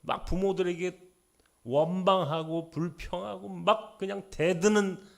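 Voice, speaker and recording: Older male pastor, slightly high voice, emphatic preacher who swings from loud appeals to near-whispers. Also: steady tone, measured pace, creaky. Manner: rhetorical questions to the congregation. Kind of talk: sermon. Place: church.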